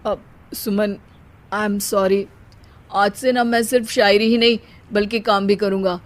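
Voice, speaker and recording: A woman's voice: medium pitch, steady tone, a little slow, close to an everyday voice. A woman playing a lazy young live-in son-in-law who declaims rhymes theatrically in a cartoon story. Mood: pleading. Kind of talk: Hindi cartoon story acting.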